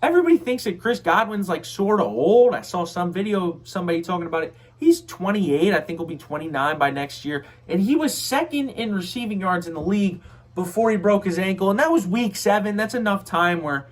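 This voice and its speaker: Young man with a high, fading voice. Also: animated, a little fast. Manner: casual, plain-spoken fan talk. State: losing his voice. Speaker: football commentator. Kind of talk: casual sports rundown.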